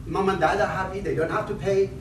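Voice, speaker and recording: Speaking quickly in a high voice with fairly even intonation, a northern Iraqi man in his fifties opens his invited conference lecture. He rambles through personal anecdotes, pokes fun at himself and restarts often. The lecture hall sound is echoey, with the mic far away and noise behind him.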